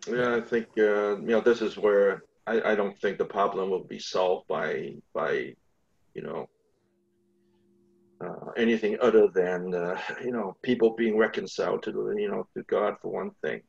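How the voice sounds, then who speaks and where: A man with a husky, creaky voice, talking haltingly in a casual interview as the guest. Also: lowish voice, darkish tone, highs cut off. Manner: halting, hedging with frequent "you know". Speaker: interview guest, academic dean and church leader.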